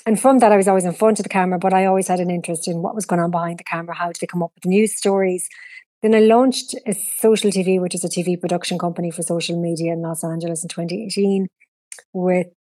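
A woman's voice: fairly low pitch, fairly even intonation, fast talker, dark tone, dry recording. A middle-aged woman with a west of Ireland, Galway accent, chatting and explaining as she answers interview questions. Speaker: interview guest, TV producer and presenter.

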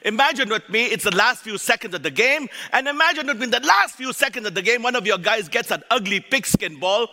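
Male preacher, Indian accent, rally-speech delivery: exuberant, high and very sharp, ringing through a big reverberant hall. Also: lively intonation, brisk, few pauses. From Calcutta, India. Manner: exuberant, shouting exhortations, jokey. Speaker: guest missionary preacher. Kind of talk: rally-style church sermon, calling on the crowd to cheer. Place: large church auditorium. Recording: long hall reverb from PA speakers.

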